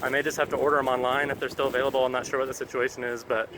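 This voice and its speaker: Casual man vlogging amid clear background noise. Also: medium pitch, flat delivery, racing. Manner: chatty, checks in with companion. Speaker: video game collecting vlogger. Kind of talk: casual vlog chat. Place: out and about around shops and mall. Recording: noisy on-location vlog, traffic and ambience.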